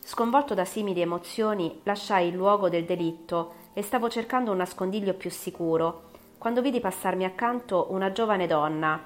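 A woman reading an audiobook narration in a measured, dramatic way. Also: lowish voice. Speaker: audiobook reader. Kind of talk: scripted narration.

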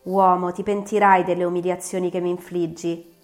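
A woman's voice: lowish voice, normal speed, soft background music, lightly acted. A woman voicing a vengeful, menacing creature. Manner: threatening, declaiming with force. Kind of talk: audiobook reading.

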